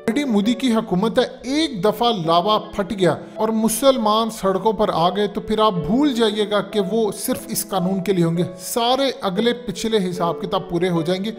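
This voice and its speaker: Male political commentator, pitched high, emphatic lecturing delivery, soft music bed. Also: moderate pace, hardly any pauses. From Pakistan. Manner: emphatic, lecturing, repeats "dekhiye".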